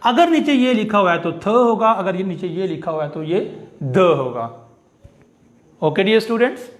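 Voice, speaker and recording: A man with a Pakistani Urdu accent teaching English pronunciation in a classroom lecture, explaining slowly and repeating example words. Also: high-pitched, expressive.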